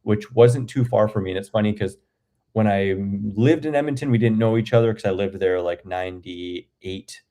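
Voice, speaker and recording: A man's voice: on the low side, moderate pace, dark tone. A Canadian man in his forties, a guest chatting enthusiastically on a video call and rambling through his stories. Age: 40s. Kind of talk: casual chat.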